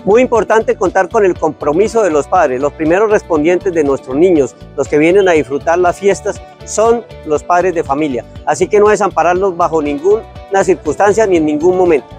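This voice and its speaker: A local government official speaking outdoors to a news crew in an emphatic, speech-like manner. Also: male voice, high-pitched, fairly quick, hardly any pauses, darkish tone, soft background music. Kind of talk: news interview statement. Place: outdoors on a street.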